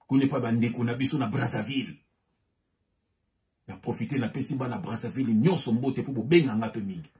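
A man's voice: mid-range voice, warm tone. Fiery preacher man. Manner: fiery, switches between French and Lingala, repeats phrases with rising emphasis. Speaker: pastor. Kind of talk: preaching sermon.

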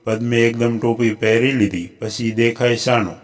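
A man with a Gujarati accent narrating a folk tale in a steady, even storytelling voice. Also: medium pitch, moderate pace.

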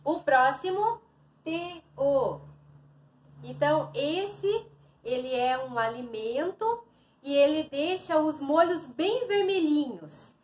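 A woman's voice: sits high, expressive, takes it slowly, a little mellow. A woman teacher from Brazil giving a reading lesson to young children, stretching and stressing each syllable.

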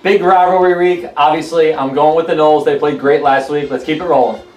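A man's voice: fairly high pitch, steady tone, fairly quick, darkish tone, distant mic. A man giving casual sports predictions as a panelist at a table indoors. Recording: roomy echo, faint music behind.

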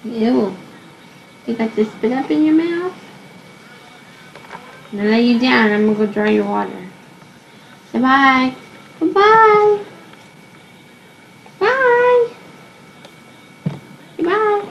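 A woman's voice: fairly high pitch, a little slow, vocal fry, long pauses, darkish tone, a little hiss or hum. A mother talking to her baby in a home video, playful and cooing. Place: home indoors. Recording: dull, roomy 1990s home camcorder audio.

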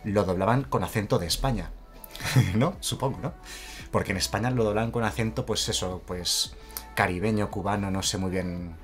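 A man's voice: fairly low pitch, moderate pace, soft background music. A man streaming a card game live, chatting casually, greeting viewers by name and laughing often.

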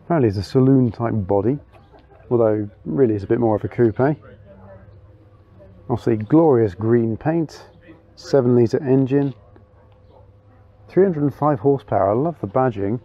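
A man's voice: medium pitch, moderate pace, long pauses, lo-fi sound. A man giving casual, enthusiastic walkaround commentary at an outdoor car meet, thinking aloud with small fillers as he goes. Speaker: car vlogger.

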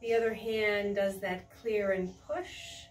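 In a small carpeted room, recorded on a distant mic over faint music, a middle-aged woman with a mid-range, fairly even voice teaches tai chi. Her step-by-step movement cues are serene, encouraging and unhurried.

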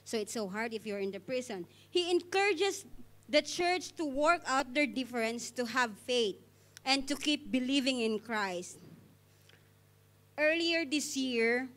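A young woman with a Filipino accent, speaking a little slowly in a high, animated, fairly bright voice, leads the offering on an indoor church stage. Into a handheld mic, she offers the congregation a heartfelt devotional talk and prayer.

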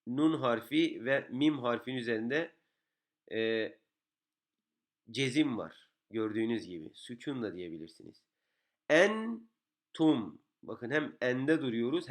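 A man's voice: mid-range voice, moderate pace. A man teaching a beginner's Quran reading lesson, patiently explaining each rule and repeating every syllable several times.

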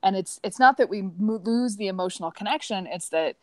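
A woman artist chatting casually about her work, telling stories with lively, high-pitched jumps when she quotes people. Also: fairly quick, no echo. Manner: animated storyteller, rises high when quoting people. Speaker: artist, co-host. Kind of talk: casual chat.

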